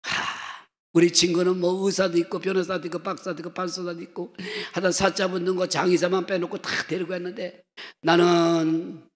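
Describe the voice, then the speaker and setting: A man's voice: high voice, flat delivery, moderate pace. A man in his sixties preaching a humorous revival sermon in a church, joking and slipping into dialect impressions. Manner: joking storyteller who slips into dialect impressions. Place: church sanctuary. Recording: long church-hall reverb.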